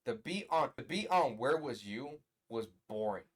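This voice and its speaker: A young man in his twenties gives a casual album review from his bedroom. He talks bluntly and sounds exasperated, jumping to loud emphatic bursts. His voice sits at an ordinary middle pitch for a man. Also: animated, normal speed, breathy edge. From US West Coast. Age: 20s. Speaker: music reviewer.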